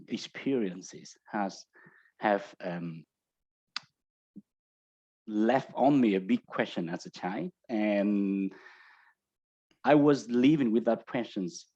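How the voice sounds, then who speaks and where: A guest researcher with a low, dark-toned voice and a Vietnamese accent gives explanatory answers as an academic guest, speaking hesitantly in halting phrases. The audio is somewhat dull and lo-fi.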